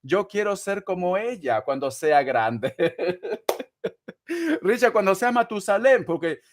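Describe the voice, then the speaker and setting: A man's voice: sits high, big pitch swings, slow, background noise. A man in his forties, a tarot reader on a live stream, reading out viewer donations in a theatrical, gushing way and calling them sweetheart. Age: 40s.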